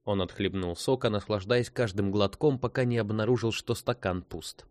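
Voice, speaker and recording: Man narrating an audiobook, low voice. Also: moderate pace, a little mellow, no echo, studio quality.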